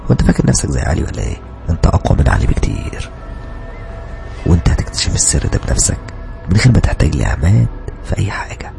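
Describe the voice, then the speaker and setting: Stern taunting inner voice in an Egyptian horror tale, as the man voicing it puts it on, hushed and gravelly, low register. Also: big pitch swings, racing, pauses often, music in the background, heavily acted. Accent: Egyptian Arabic. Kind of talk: horror story narration.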